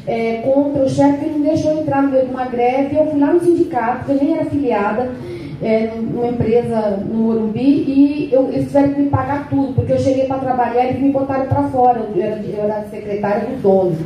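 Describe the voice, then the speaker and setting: Emotional woman in her sixties, high voice. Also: a little fast, mellow. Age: 60s. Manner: emotional, candid, tearful at times. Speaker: union founder speaking at a meeting. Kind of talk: emotional personal testimony. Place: meeting hall. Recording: echoey hall, voice from far off, noisy.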